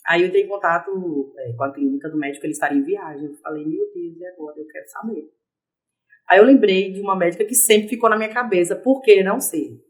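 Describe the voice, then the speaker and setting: A young adult woman, a podcast guest, telling her personal story in a casual, lively interview. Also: on the low side, fast talker, hardly any pauses.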